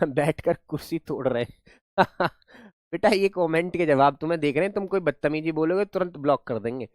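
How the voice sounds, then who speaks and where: Lively man teaching with a dry sound. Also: a little high, normal speed, no room sound. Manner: lively, acts out examples in funny voices; coaxing, checks in with students often. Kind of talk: online class lesson.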